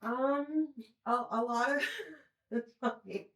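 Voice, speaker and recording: A woman speaking as a recovery coach in a podcast interview, calm and unbothered. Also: a little high, slow pace. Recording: echoey room.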